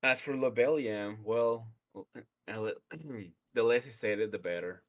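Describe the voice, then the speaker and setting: A man voicing a prim, level-headed young female hobbit who speaks in a proper, measured way. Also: fairly low pitch, lo-fi sound, very noisy.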